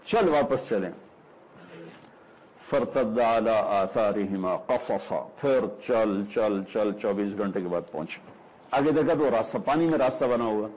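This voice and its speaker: A man's voice: lowish voice, a little mellow, rough recording. Dramatic preacher man. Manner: dramatic, acts out dialogue, recites Arabic verses slowly. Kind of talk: sermon storytelling.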